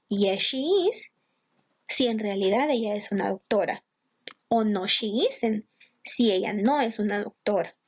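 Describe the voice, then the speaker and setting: A woman's voice: on the high side, a little mellow, highs cut off. A woman teaching English grammar in a patient, explanatory online lesson, mixing English terms into her Spanish.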